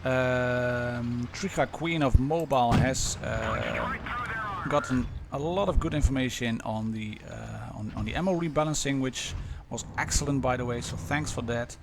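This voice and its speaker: A Dutch man with a Dutch accent, casually commentating a live game stream with many pauses and restarts. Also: medium pitch, gravelly, heavy background noise. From Netherlands.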